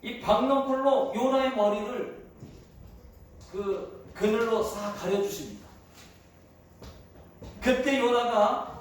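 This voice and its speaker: A man's voice: very high-pitched, slight background noise. A male pastor delivering a sermon in a church, repeating words for emphasis. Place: church hall. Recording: echoey hall, far from mic.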